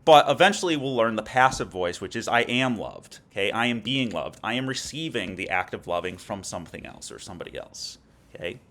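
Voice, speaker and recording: A man with a fairly low voice is teaching a lecture. He explains step by step and keeps pausing to ask "okay?" before moving on. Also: expressive, fairly bright tone. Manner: explanatory, frequent "okay?" check-ins. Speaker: Latin teacher. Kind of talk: recorded lecture.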